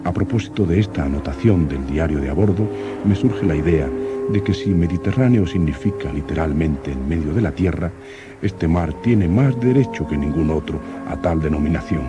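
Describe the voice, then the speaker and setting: Earnest young explorer reading his log like an old radio serial announcer, formal and dramatic, low voice, music behind. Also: expressive. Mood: earnest narration. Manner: formal, measured, literary diction. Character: Axel, young nephew narrating an expedition diary, curious, earnest.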